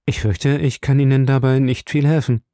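A man's voice: mid-range voice, fairly even intonation, moderate pace, warm tone, dry recording, studio quality, lightly acted. A man reading an audiobook, voicing a keen young newspaper reporter. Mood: eager.

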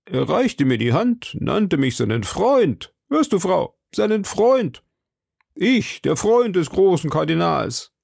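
A man's voice: medium pitch, expressive, a little slow, creaky, darkish tone, no room sound, studio quality, exaggerated voice. A man reading an audiobook, voicing a vain, greedy middle-aged shopkeeper with a pompous, self-important manner. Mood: indignant, proud.

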